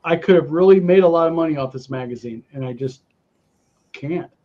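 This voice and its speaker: A man's voice: on the high side, fairly quick. A man in his fifties hosting a casual show, reading viewer messages aloud and speaking bluntly and emphatically. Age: 50s. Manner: blunt, emphatic, swears freely. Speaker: podcast host reading viewer mail. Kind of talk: casual chat. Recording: dull lo-fi audio.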